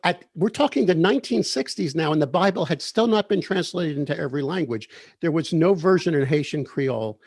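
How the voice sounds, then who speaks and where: Guy hosting an interview, kinda high voice, friendly check-ins, dry mic. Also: expressive, fairly quick, few pauses, a little mellow, dry recording. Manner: friendly, leading questions that seek confirmation. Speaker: interviewer, host. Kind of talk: conversational interview.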